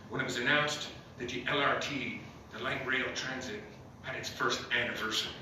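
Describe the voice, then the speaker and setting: A man does a stand-up set in a small club with no audience, rambling, filling gaps with "uh" and chuckling at his own jokes. His mid-range voice is steady and moderately paced, recorded in an echoey room from a distant mic with faint noise.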